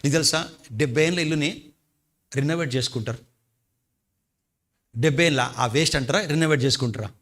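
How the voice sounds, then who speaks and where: A male pastor from India, preaching with a bright, forceful, fairly high voice. He surges into loud, emphatic peaks and slips English phrases into his sermon. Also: brisk, long pauses.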